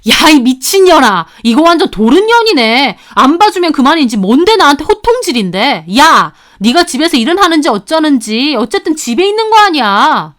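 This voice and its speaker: A woman's voice: sits high, very animated, moderate pace, few pauses. A woman doing a shrieking rude sister-in-law. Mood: furious. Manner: abusive, yelling.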